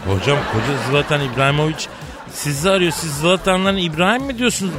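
A playful male comedy radio host who teases and announces with mock grandeur. His voice sits a little high, and music plays clearly behind him in the studio. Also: fast. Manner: playful, teasing, announces guests theatrically.

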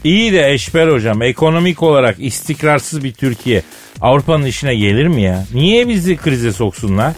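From a radio studio, with background music behind his voice, a man hosts a comic radio show, bantering and interviewing in a teasing, mock-scolding, colloquial style. His medium-pitched voice is sing-song, at a moderate pace.

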